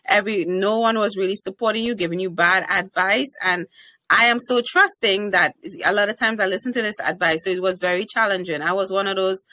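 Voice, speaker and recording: In a casual podcast interview, a young Trinidadian woman who works as a TV host and speaker comes across confident and playful, laughing frequently. Her accented, medium-pitched voice is brisk, bright, and pushed, in a dry recording.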